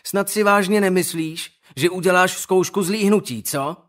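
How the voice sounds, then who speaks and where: A man's voice: a little high, expressive, voice pushed up, close to an everyday voice. A man doing a sneering teenage bully. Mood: taunting. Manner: sneering, taunting. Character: mocking bullying teenage boy.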